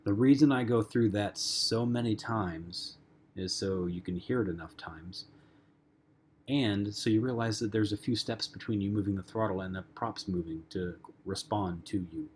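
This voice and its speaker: A man with a lowish voice teaches a flight lesson, talking loosely and conversationally, filling gaps with ums and uhs. A faint hum sits under the recording. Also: normal speed, a little mellow. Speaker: flight instructor. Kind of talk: lecture-style flight lesson.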